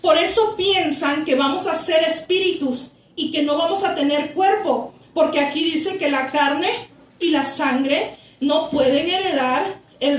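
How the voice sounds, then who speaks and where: A woman pastor preaching a sermon, slowly reading scripture aloud and explaining it to her congregation, calling them brothers. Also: extremely high pitch. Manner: slow, deliberate reading that stretches key words, with asides to the congregation. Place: church. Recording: echoey church room, voice from a distance.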